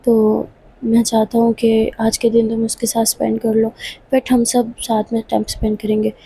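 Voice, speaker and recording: A woman voicing a kindly middle-aged uncle, speaking calmly and affectionately to his niece. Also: on the high side, moderate pace, vocal fry, breathy edge.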